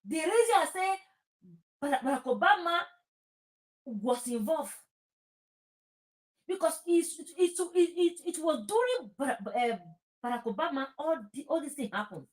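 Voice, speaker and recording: Over poor audio, a female talk show host with a Nigerian accent talks at a moderate pace, pausing often. Her high voice swings widely in pitch as she gives emphatic, impassioned political opinions informally, repeating phrases and drifting into Pidgin.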